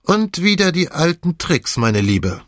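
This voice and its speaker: Brief: jovial gloating man, audiobook, male reader, theatrical and loud, raised pitch. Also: sing-song, unhurried, dry recording, studio quality. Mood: gloating hearty. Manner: hearty, theatrical. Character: jovial man unmasking a con artist, hearty and gloating.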